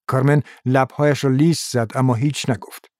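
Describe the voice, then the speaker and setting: A man narrating a crime novel as an audiobook in a steady, measured reading. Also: mid-range voice, no echo, studio quality.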